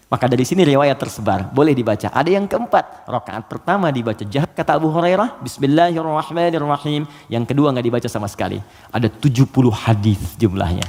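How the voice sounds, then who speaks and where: A male Islamic preacher giving a lively sermon to an audience, telling stories and chanting Quran verses. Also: mid-range voice. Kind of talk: lecture sermon. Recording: long hall reverb.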